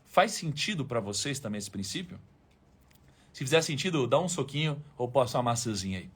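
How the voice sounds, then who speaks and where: Husky, animated Brazilian man streaming live. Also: medium pitch, fairly quick. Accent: Brazilian Portuguese. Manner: informal and emphatic, with slang and swearing, addressing viewers directly. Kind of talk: motivational live-stream talk.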